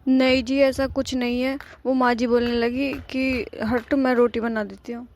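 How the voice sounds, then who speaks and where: A woman's voice: on the high side, level tone, moderate pace, darkish tone, natural voice. Woman doing a grumbling young cartoon wife. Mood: meek. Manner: grumbling, complaining. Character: put-upon young wife. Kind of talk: cartoon voice acting.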